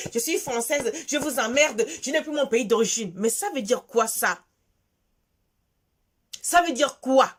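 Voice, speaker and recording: A woman from Gabon with a Gabonese French accent, delivering an emphatic, scolding monologue to her viewers and repeating phrases for force. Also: sits high. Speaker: vlogger. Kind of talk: impassioned monologue addressed to viewers.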